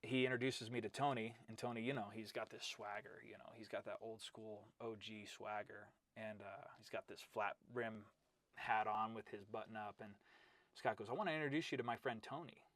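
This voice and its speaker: A man's voice: lowish voice, moderate pace, no echo. A middle-aged man, a wrestling coach, telling stories in a casual interview, acting out quotes and calling his listener "bro.". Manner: animated storyteller, acts out quotes, says "bro" and "right?".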